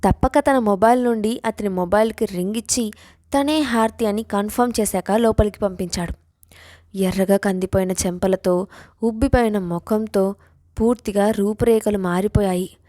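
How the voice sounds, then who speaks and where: A woman storyteller reading a suspense audio story with steady, expressive narration. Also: mid-range voice, moderate pace, no echo, studio quality.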